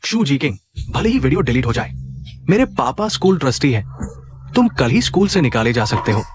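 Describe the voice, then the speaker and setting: A man's voice: mid-range voice, big pitch swings, fairly quick, natural voice. An actor in a dubbed short drama playing an arrogant young male student who boasts and schemes. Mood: scheming.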